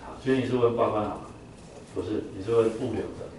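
A male teacher lectures on vocabulary, peppering his explanations with "啊" and leading drills. His fairly low voice comes from across a very echoey classroom. Faint noise sits under the recording. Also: steady tone, fast talker, a little mellow, recorded from a distance. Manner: explains with frequent "啊" fillers, drills words for the class to repeat.

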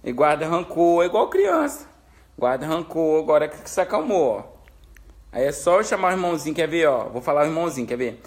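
High-voiced man cooing at his dog. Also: sing-song, brisk. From Espírito Santo, Brazil. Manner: doting baby talk to his pet, pleading and soothing. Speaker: pet owner streaming live. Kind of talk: casual live-stream chat.

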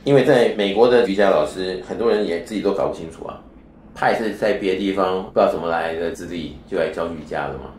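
A man's voice: sits low, quick pace, a little mellow, a little hiss or hum. A man as a spiritual teacher being interviewed, explaining his views in a lecturing way and often asking rhetorical questions. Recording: echoey room.

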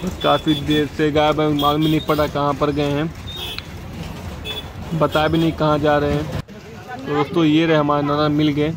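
A man's voice: a little high, completely flat delivery, normal speed, pauses often. A young man giving a casual running commentary for his village vlog while riding and shopping outdoors. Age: young adult. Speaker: vlogger. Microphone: camera at arm's length. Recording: loud street noise behind.

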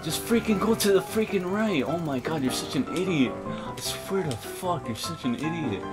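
A man in casual gaming chat, his pitch swinging widely as he mocks and scolds a friend. His tone is exasperated and laughing by turns. Music plays clearly in the background. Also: lively intonation, moderate pace. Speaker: gamer.

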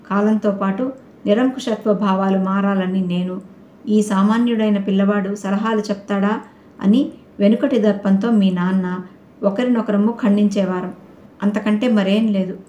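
A woman's voice: mid-range voice, dark tone, natural voice. Woman reading as a pleading young husband. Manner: earnest, persuasive. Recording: roomy echoey recording.

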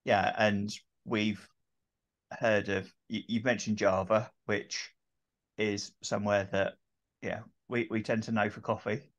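Middle-aged male host, lowish, halting delivery, muffled video call audio. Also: flat delivery. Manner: hesitant, many ums and restarts. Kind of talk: casual interview chat. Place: home room with shelves. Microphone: video call webcam.

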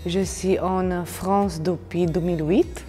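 A woman from Romania gives an interview in French, a language she is still learning. She speaks low, with frequent pauses and fillers as she looks for words. Her voice carries a long reverb from the large room. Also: steady tone, mellow, soft background music. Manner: hesitant, many fillers. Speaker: language course participant. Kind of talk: interview testimony. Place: indoor room with stained-glass windows.

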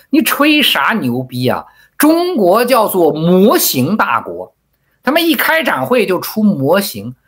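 A man talks in a casual, blunt monologue that is full of profanity and open scorn. His voice is husky, and his pitch swings widely from high jabs down to low, grumbling asides. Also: fairly bright tone. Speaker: commentator.

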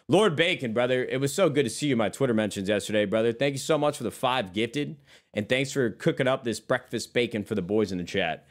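A man in his thirties streaming and chatting off the cuff to his viewers. He wanders between topics in a loose, rambling way, with plenty of swearing. His voice sits at an everyday middle pitch. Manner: rambling, profane, calls listeners brother. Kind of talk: casual chat.

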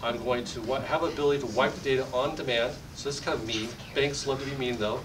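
Thirties male presenter, eager sales-demo patter, middle pitch, distant podium mic with rumbling room noise. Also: steady tone. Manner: fast, enthusiastic sales pitch with frequent restarts. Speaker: tech company presenter. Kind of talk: conference product demo. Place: meetup conference room. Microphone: podium mic from far camera. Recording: distant roomy audio with rumble.

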